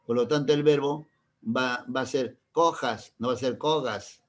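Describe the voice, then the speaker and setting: A middle-aged man stands at the front of a class, walking through grammar rules in an easy, mid-pitched voice. He keeps stopping to check that everyone follows, firing off short questions to the room. Now and then he slips in a teasing example to keep the lesson light. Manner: constantly checks understanding with quick questions. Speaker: language teacher.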